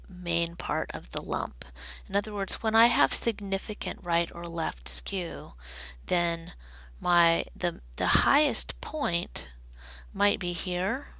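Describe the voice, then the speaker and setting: With a lowish voice and a sharp tone, a woman teaches statistics in a recorded lesson, drawing on a graph as she explains each step slowly and deliberately. The recording is dry, and the audio is poor.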